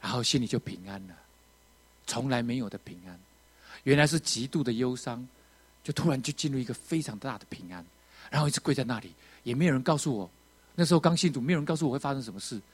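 A man preaching a testimony, telling his story with strong feeling, rising to loud outbursts and dropping to quiet moments. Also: mid-range voice, fast talker, slightly rough. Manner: emotional, animated storytelling with sudden loud outbursts and quiet drops. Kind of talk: sermon testimony.

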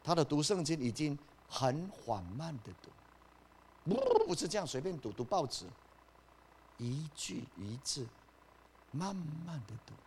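Preaching man swinging from hush to loud. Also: fairly high pitch, wildly swooping pitch, unhurried, pauses often, a little hiss or hum. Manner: swings between soft asides and loud emphatic rises; asks the listeners questions, then answers them himself. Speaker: pastor. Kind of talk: sermon.

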